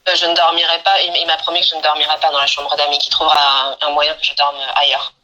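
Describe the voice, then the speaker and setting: Low bright-toned hesitant woman caller. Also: level tone, fast talker, highs cut off. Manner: hesitant, many fillers. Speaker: caller seeking advice.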